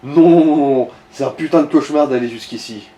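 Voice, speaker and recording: A man with a mid-range, dark-toned voice speaks briskly while doing casual Let's Play commentary, coaching another player with crude slang. The mic is distant, giving a roomy echo, and game music plays in the background.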